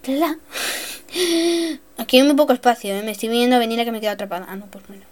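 A young woman giving excitable, self-mocking gameplay commentary, swinging between shrieks and mutters. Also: on the high side, fast talker. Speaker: gaming youtuber.

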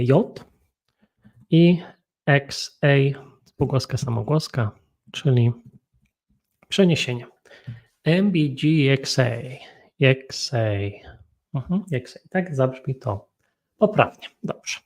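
A Polish man with a Polish accent teaching an English grammar lesson, talking slowly and thinking aloud while feeling unwell. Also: medium pitch, darkish tone. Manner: slow, thinking aloud with frequent hums. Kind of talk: solo grammar and pronunciation lesson.

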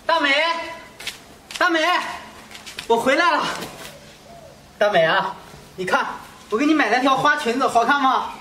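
A man's voice: extremely high pitch, lively intonation, unhurried, long pauses, sharp tone, a little hiss or hum, heavily acted. An actor playing an earnest young husband who pleads with his wife and reproaches his mother, repeating his questions. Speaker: husband returning from work away.

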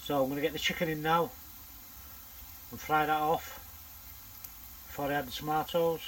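A man's voice: fairly high pitch, fairly even intonation, moderate pace, fairly bright tone, slight background noise, low-quality recording. An older man, chatting casually to camera in a bankside bivvy while he fishes and cooks a curry. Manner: chatty, matter-of-fact running commentary. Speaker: angler vlogger. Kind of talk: casual vlog narration while cooking. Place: bankside bivvy outdoors at dusk.

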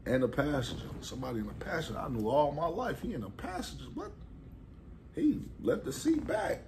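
A young man with a Chicago accent telling a personal story, acting out scenes with sudden loud bursts. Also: fairly high pitch, very animated, a little fast, a little hiss or hum. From Chicago, USA. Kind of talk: storytime monologue.

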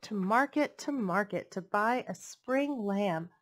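Her voice sits at medium pitch, animated and taking its time, as this thirty-something librarian reads picture books aloud to children. She uses a headset mic in a living room and keeps a playful, sing-song rhythm throughout the expressive read-aloud.

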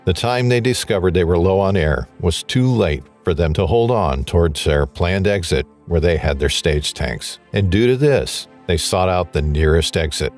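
A man reading a scripted documentary voice-over in an even, measured way. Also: low-pitched, faint music behind. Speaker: documentary narrator.

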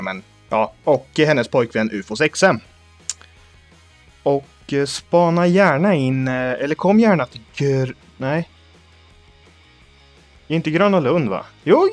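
A young Swedish man hosting a let's play, joking about himself and yelling in panic at enemies. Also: mid-range voice. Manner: jumpy, self-mocking, shouts in panic at enemies. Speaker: gaming channel host.

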